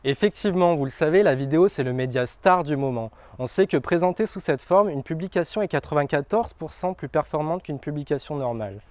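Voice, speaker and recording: A man's voice: a little high, expressive, fairly quick, hardly any pauses, a little mellow, no echo. A man giving a scripted corporate presentation as a video producer.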